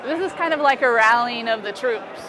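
Brisk and a little high, this young adult American woman chats informally as an artist being interviewed at her booth in an indoor convention expo. Noisy crowd chatter from the hall surrounds the recording.

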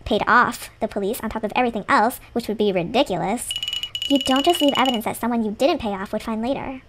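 A woman reading the lines of an eager male doctor in a game, who reasons excitedly through clues. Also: fairly high pitch, fast talker, close to an everyday voice. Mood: puzzled. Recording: loud background noise.

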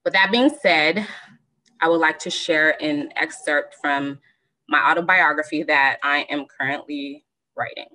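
Young woman, low bright voice, measured personal storytelling, video call guest. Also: rough recording. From Southern California. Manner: measured, many ums, reflective. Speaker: panel guest.

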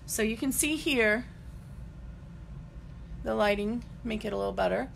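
A woman's voice: a little high, measured pace, vocal fry, a little hiss or hum. A woman giving a chatty live-stream embroidery demonstration, greeting viewers and talking through each step as she works.

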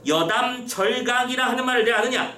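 A man's voice: high voice, very animated, fairly quick, sharp tone, echoey room, distant mic, exaggerated voice. A man voicing a stern official, a wife disguised as a man, who barks harsh orders.

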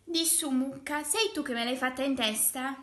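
A woman putting on a small storybook mole that squeaks high and sharp, demanding answers in a bright, bossy voice. The slow, loud exclaiming rings around an echoey room. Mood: indignant.

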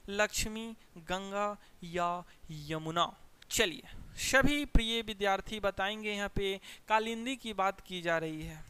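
A young man with a Bihari Hindi accent, teaching an exam prep lesson, energetic, repeating phrases and quizzing his students. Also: sits high, clean tone.

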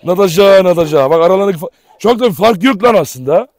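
Speaking quickly in a high, expressive voice with no echo, a man films on his dog farm as dogs bark in the background. He offers casual, affectionate commentary to viewers and calls out commands to the dogs while handling them.

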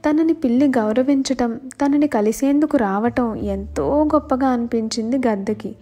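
A woman narrating a children's bedtime story in a measured, expressive way. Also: on the high side. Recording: faint background music.

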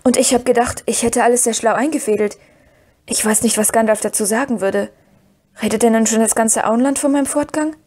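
A woman reading the part of Frodo, a worried young male hobbit who speaks hesitantly and gravely. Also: a little high, steady tone, fairly quick, a little mellow, natural voice. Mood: troubled. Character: earnest young male hobbit, burdened and anxious.

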